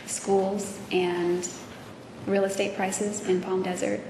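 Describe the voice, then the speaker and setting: A woman testifying as a witness, speaking hesitantly with many pauses and fillers, in a courtroom recording. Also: medium pitch, little pitch movement. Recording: echoey courtroom audio from far off with noise.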